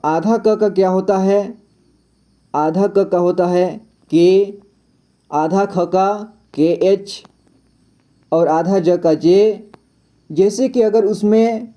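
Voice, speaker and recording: A man teaching a reading lesson in a patient, casual way, repeating words slowly and spelling them out letter by letter, with a frequent "okay" between steps. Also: high voice, mellow. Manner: fills gaps with a frequent 'okay'.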